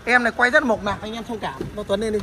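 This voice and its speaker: A man talks quickly in a high voice, hawking a motorbike with salesman patter. He is recorded outdoors on a phone camera, with faint background noise. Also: steady tone. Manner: fast salesman patter, repeats short tags. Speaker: motorbike dealer vlogger. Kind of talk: casual selling vlog.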